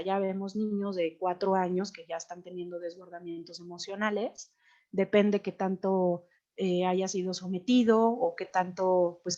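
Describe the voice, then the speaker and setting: A woman's voice: mid-range voice, a little mellow. A woman giving a casual talk about child development to an audience, pointing to images and tagging her points with questions. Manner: conversational, tags questions with "¿no?", frequent fillers; acts out angry and scolding quotes. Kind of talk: informal talk with slides. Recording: slightly dull, muffled sound.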